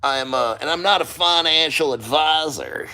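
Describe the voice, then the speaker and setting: Man, sharp bright delivery, immersed in ice cold water. Off-the-cuff vlog host, blunt and sweary. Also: fairly high pitch, normal speed. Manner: blunt, profane, rambling. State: sitting neck-deep in ice cold water. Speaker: crypto podcast host. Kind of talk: casual talk to camera.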